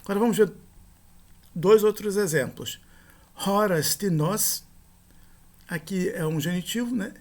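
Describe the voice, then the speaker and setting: Guy teaching grammar, kinda high voice, methodical, slows way down on the examples. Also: darkish tone. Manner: methodical, repeats terms, slow deliberate word examples. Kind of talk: grammar lecture.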